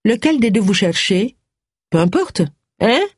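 A curt, offhand maid with an Eastern European accent, a bit higher than the narration. A reader puts her on with a slightly husky, dry close sound. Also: very animated, unhurried, no echo, heavily acted.

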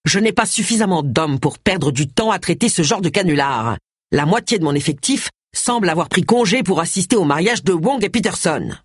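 Brief: curt, barking male inspector read by the narrator, husky, pitch swinging widely. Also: lively intonation, fairly quick, dry recording, clean studio sound. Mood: gruff, irritated. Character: grumpy tall police inspector, man, middle-aged.

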